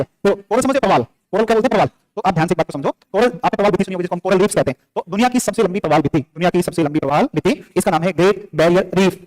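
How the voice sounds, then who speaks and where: A male teacher giving a classroom lecture, firing off questions and answering them himself, scolding and joking with the students in between. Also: high-pitched. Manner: drills facts with repeated questions and answers.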